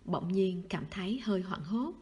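Husky woman narrating a novel. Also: mid-range voice, moderate pace, dark tone. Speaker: audiobook narrator.

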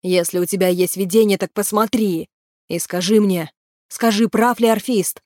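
A woman doing a loud desperate young hero. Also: mid-range voice, fairly even intonation, moderate pace, dry recording, clean studio sound, close to an everyday voice. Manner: loud, urgent, demanding.

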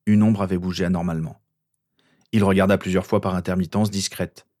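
Deep-voiced male audiobook narrator. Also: no room sound, clean studio sound. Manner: steady, measured storytelling. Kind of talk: audiobook fan fiction reading.

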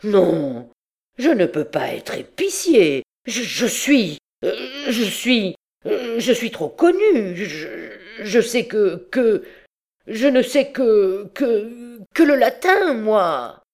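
A woman's voice: mid-range voice, big pitch swings, slow, darkish tone, pitched above the performer's own voice, full character voice. A woman reading an audiobook, voicing a drunk, flustered old male Latin tutor who stammers and hesitates. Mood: stammering, tipsy.

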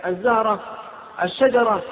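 A man's voice: high-pitched, moderate pace, a little hiss or hum. A male preacher giving a fervent religious lecture, his voice rising to emphatic peaks. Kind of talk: recorded Islamic lecture. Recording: lo-fi phone-like lecture tape in a reverberant hall.

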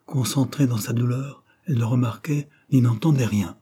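Man, audiobook narrator, dark mellow voice, slightly husky, measured pace. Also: mid-range voice. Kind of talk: scripted narration of a novel.

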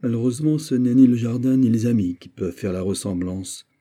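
A man's voice: medium pitch, fairly quick, dark tone, lightly acted. A man voicing a cautious, earnest scholar who raises worried objections in an audiobook. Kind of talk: audiobook character voice.

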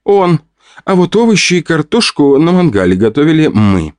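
A feisty, easily flustered young fiancée, as a male audiobook narrator puts her on, raised high above his own register. She bickers and scolds in sharp, lively bursts. It is read close and dry, with no room sound. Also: normal speed, no echo. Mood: scolding, flustered.

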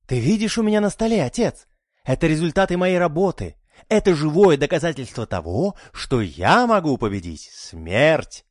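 A man's voice: fairly high pitch, very animated, normal speed, no room sound, clean studio sound, voice pushed up. A man voicing an obsessed young male scientist chasing immortality, fervent and scornful. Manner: fervent, scornful, rising to outbursts.

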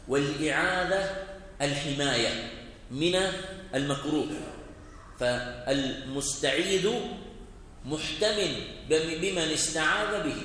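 A man giving a religious lesson. He asks his listeners questions, answers them himself and slows down when he recites quoted phrases. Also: fairly high pitch, sharp tone. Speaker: sheikh teaching a classical text. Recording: very echoey hall recording with faint noise.

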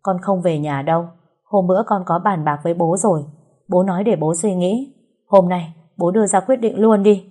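A woman's voice: on the low side, moderate pace, mellow, lightly acted. A woman voicing a timid young woman of about twenty who speaks hesitantly. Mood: firm. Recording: roomy echo.

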